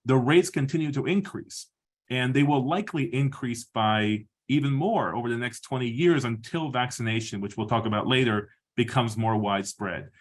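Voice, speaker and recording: A Peruvian surgeon in middle age delivers a measured webinar lecture, walking through his slides with many restarts and fillers. His voice is mid-range.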